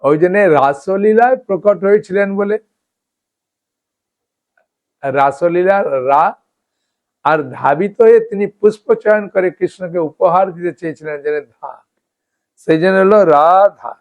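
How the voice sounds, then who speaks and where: A man giving a devotional scripture talk, explaining slowly and often checking in with his listeners. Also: high-pitched. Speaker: devotional speaker.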